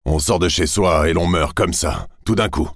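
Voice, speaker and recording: A fussy, dismayed old commissioner, read by a male narrator in a storybook reading. The voice is very deep and husky, recorded dry and close. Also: normal speed, no echo.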